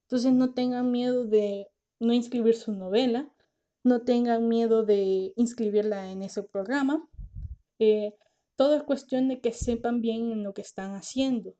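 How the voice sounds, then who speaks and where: Tired and finding it hard to speak, a lawyer-author podcast host still addresses her listeners casually, earnestly and reassuringly, though she can't pronounce her R well. Her mellow voice sits on the high side, with fairly even intonation and a measured pace, and the highs are cut off.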